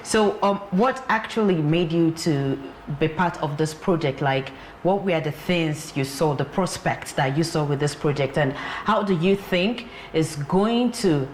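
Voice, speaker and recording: A woman's voice: sits low, unhurried, few pauses. A woman hosting a TV interview, chatty, finishing her guests' sentences. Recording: echoey room with faint noise.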